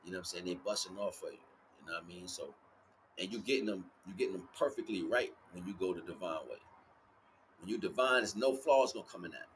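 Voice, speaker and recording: The recording is poor, with a little hiss or hum, as this man talks fast in a low-pitched voice. Hosting a livestream outdoors, he rambles through an informal spiritual talk, saying things more than once and frequently checking in with listeners to see if they follow.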